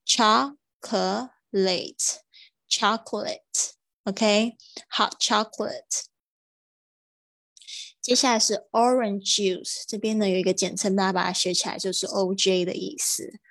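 A woman teaching English vocabulary in a livestream, drawing out model words slowly between quick explanations. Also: mid-range voice, level tone, no echo.

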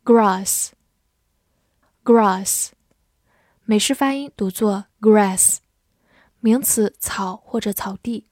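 A young woman teaching vocabulary in a recorded lesson, saying each English word twice clearly, then giving brisk explanations. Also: mid-range voice, darkish tone, no echo, studio quality.

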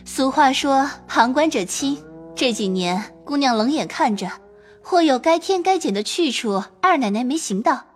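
A woman playing a clever young maid in an audio drama, sharp-tongued with the servants and smooth with her mistress. Her voice sits high and swings lively up and down, with faint music underneath. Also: normal speed. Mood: coaxing. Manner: scolding, then coaxing with a smile. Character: quick-witted young maid, sharp-tongued yet tactful.

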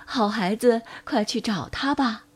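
A woman voicing a calm, kind old mother turtle in a children's story, in a soft, soothing way. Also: a little high, a little slow, husky. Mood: gentle.

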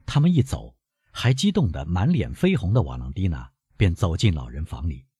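A man reads a classic novel aloud in a low, husky voice that rises and falls widely with the story. The reading is measured and expressive, and the sound is close and dry with no room echo. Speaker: narrator. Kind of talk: audiobook narration of a classic novel.

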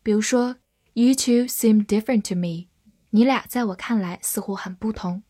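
A woman teaching English vocabulary, spelling out words and reading example sentences slowly for learners to follow. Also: mid-range voice, warm tone. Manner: slow, spelled-out model readings. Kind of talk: vocabulary lesson.

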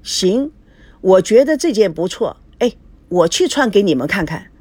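A woman voicing an earnest young friend in an audiobook, gently reasoning. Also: mid-range voice, big pitch swings, normal speed, slightly rough, no echo.

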